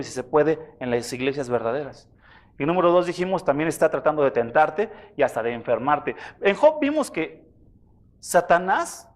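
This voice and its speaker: Male pastor, lighter high voice, chatty preaching style. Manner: conversational preaching, addresses listeners as brothers. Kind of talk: sermon.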